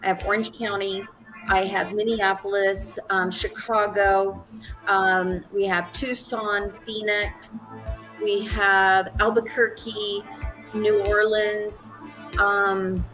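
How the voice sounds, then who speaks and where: A woman's voice: medium pitch, little pitch movement, slow, fairly bright tone, faint music behind. Chatty woman in her sixties. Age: 60s. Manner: chatty, frequent ums and restarts, laughs easily. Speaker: interview guest, actress and director. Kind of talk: casual interview chat.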